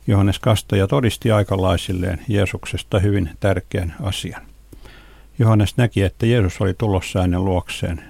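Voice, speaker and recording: A man giving a calm, measured devotional reading of scripture and teaching on it. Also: sits low, gravelly, husky, dry recording. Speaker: Bible teacher.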